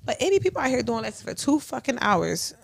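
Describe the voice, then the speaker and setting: A woman's voice: fairly high pitch, big pitch swings, a little fast, creaky, slightly rough. A young adult woman co-hosting a podcast, chatting casually in a blunt, profane, storytelling way. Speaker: podcast co-host. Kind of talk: casual chat.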